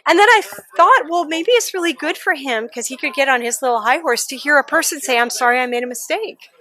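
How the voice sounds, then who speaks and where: A woman telling lively, laughing stories about her cat in a casual interview. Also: high-pitched, brisk. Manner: animated, laughing storyteller. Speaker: interviewee, pet owner. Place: outdoor adoption event.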